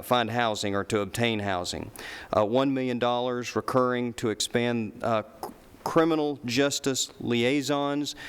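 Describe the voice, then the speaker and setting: A man reading out funding items at a committee meeting in a measured way, with hesitant fillers. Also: mid-range voice, clean tone. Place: large meeting chamber. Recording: long reverb of a meeting hall.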